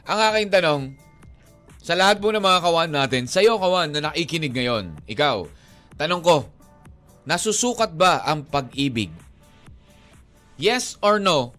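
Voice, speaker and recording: A male radio DJ chats with his co-host in a teasing, animated way, mixing Tagalog and English. His slightly high voice rises and falls a lot. Faint music plays behind him in the studio. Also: a little slow, pauses often. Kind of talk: casual radio banter.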